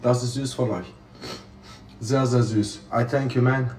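A man's voice: mid-range voice, steady tone, measured pace, a little mellow. A young man chatting casually on a livestream in effusive, exclamatory street slang with English interjections, recorded on a phone a step away indoors. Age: young adult. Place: small living room with kitchen, indoors. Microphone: phone propped up a step away. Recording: roomy sound, distant phone mic.

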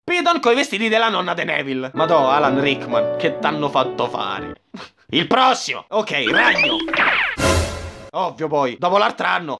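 A man rattles off a sarcastic comic film recap in a high, swooping voice. He jumps between dry narration and mocking asides. A loud music bed plays under him. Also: sing-song, normal speed, creaky. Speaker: comedic movie recapper. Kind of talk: comedic film recap voice-over with put-on character voices.

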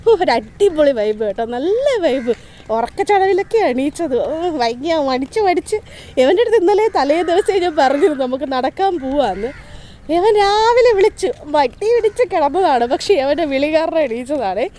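A woman's voice: high-pitched, animated, moderate pace, dark tone. A woman chatting casually to viewers on an outdoor walking vlog, often repeating herself. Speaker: vlogger. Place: outdoors on a seaside roadside. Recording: outdoor street ambience and traffic noise.

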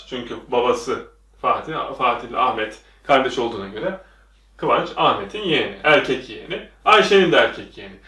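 A man's voice: mid-range voice, pushed and bright. A man teaching a lesson at a whiteboard, quizzing the viewers with repeated questions, recorded in a classroom. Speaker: English teacher. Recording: echoey room, voice from a distance.

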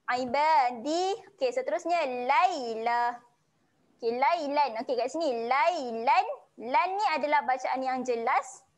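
High-voiced Malay teacher woman. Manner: patient step-by-step instruction, chanting verses slowly. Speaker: Quran recitation teacher. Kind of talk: online tajwid lesson.

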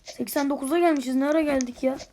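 A young woman chatting excitedly over her gameplay as a channel host, muttering and whispering to herself. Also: high-pitched, rapid-fire, slight background noise. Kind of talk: casual gameplay commentary.

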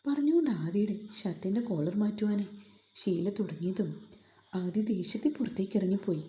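Dark-toned woman narrating a story. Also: medium pitch, a little fast, reverberant.

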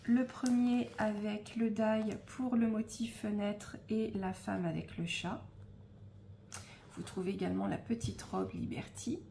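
A woman hosting a casual unboxing of craft supplies, speaking in a relaxed, hesitant way with frequent fillers and soft asides. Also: mid-range voice, measured pace, gravelly, slight background noise. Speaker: scrapbooking shop host.

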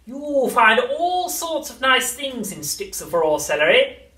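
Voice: mid-range voice, sing-song, voice pushed up, exaggerated voice. Gloating witchlike old grandmother. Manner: slow, loud, drawn-out gloating delivery. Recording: roomy, distant from the mic.

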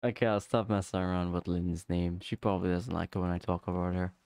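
A man chatting casually and playfully as he livestreams a game, rambling in halting bits and repeating his phrases. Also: sits low, little pitch movement, creaky, a little mellow. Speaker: livestreamer, VTuber. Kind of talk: casual livestream chat while playing a block-building game.

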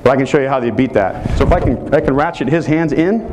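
Against a noisy background, a man in his thirties speaks fast in a mid-range voice. He is running a live football technique clinic in a hotel meeting room, explaining each move as he demonstrates it.

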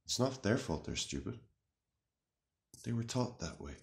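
A comic video responder in his thirties, filming in a small room, plays a jittery, earnest, overdramatic would-be warrior. His mid-range voice is sing-song with vocal fry and pushed upward, and his mock-serious monologue to camera comes out halting, grave, and bewildered, slow and deliberate with long pauses.

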